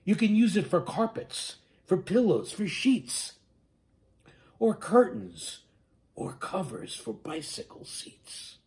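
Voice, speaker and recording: A man voicing a greedy, brash businessman in a storybook, boastful and quick to brush off objections. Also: high voice, sing-song, darkish tone, pitched above the performer's own voice, full character voice. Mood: salesman-like, defensive.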